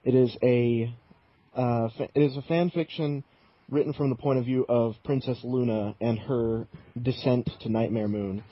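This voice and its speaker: Husky-voiced male podcast co-host. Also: medium pitch, fairly even intonation, moderate pace, no room sound. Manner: laid-back, joking, reads out news items. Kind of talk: casual podcast chat. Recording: muffled lo-fi recording.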